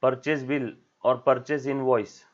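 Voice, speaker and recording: A man's voice: mid-range voice, steady tone, unhurried. A man teaching an accounting lesson, asking his students questions, repeating key words and acting out little dialogues. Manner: acts out dialogues in a raised voice, asks students questions; code-mixes English terms, repeats key words. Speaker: commerce teacher. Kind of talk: classroom lecture. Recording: dull lo-fi sound.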